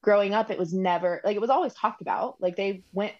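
A woman appears as a guest on a podcast interview, speaking as a recipient parent in a conversational, rambling way full of "um" and "like." Her mid-range voice moves fast, and the recording sounds muffled.

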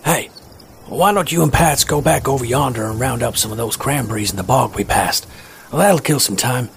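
A man voicing an adult who leads a group of kids in a cartoon, in a calm, cautioning manner. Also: mid-range voice, normal speed, gravelly, a little hiss or hum, lightly acted.

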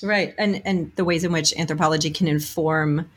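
A woman hosts a podcast interview and welcomes her guest warmly. Her voice sits on the low side, and she asks her questions in an encouraging way. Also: steady tone, normal speed. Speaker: podcast host.

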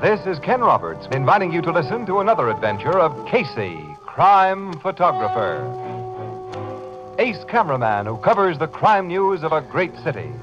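A man's voice: a little high, very animated, moderate pace. A man announcing and narrating from a script in 1940s radio style. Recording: dull old radio recording. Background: loud music.

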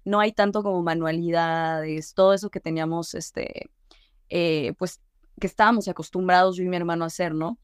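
A young woman, a guest chatting in a relaxed way, full of fillers. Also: fairly low pitch, moderate pace, clean tone, no echo, studio quality. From Mexico. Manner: relaxed, with many fillers like "eh" and "como que". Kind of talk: casual interview conversation.

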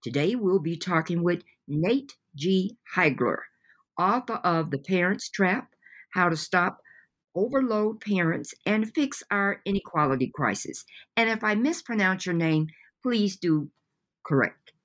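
A woman's voice: fairly low pitch, lively intonation, a little slow, a bit bright. A woman hosting a podcast interview who asks her questions in a formal way. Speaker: podcast host.

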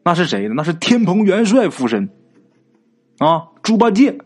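A brash village spirit medium, voiced by a male storyteller, insisting she is right. The delivery stays indignant and pushy in a husky tone. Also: fairly low pitch, very animated, normal speed, a little mellow, pitched above the performer's own voice. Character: village woman claiming spirit possession, brash.

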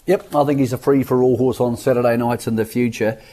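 A man's voice: mid-range voice, steady tone, a little fast, dark tone. An Australian man hosting a sports radio show, interviewing racing guests in a chatty, matey, casual way.

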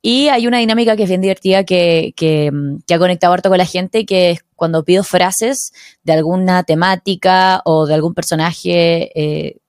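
Woman, Chilean accent, 30s, podcast guest, relaxed and chatty, lowish voice. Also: normal speed, no room sound, clean studio sound. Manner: relaxed and chatty, with frequent fillers. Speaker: singer-songwriter guest. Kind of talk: casual podcast interview.

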